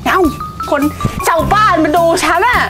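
A woman's voice: extremely high pitch, a little slow. A young woman playing a bored village girl who dreams of singing on a big stage, talking in a whiny, complaining way. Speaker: aspiring singer from the countryside. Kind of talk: short drama acting. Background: loud music.

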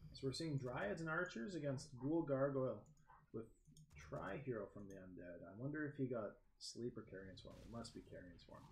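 Male game caster, lively play-by-play, mid-range voice, echoey room with faint hiss. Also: moderate pace, creaky. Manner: lively play-by-play, excitable with sudden pitch jumps. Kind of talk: esports commentary.

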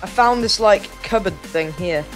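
A young man with a high voice chats casually through a co-op game. He is playful and jokes in a deadpan way, with faint music behind him. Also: moderate pace. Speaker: co-op gaming partner. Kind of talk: casual game chat commentary.

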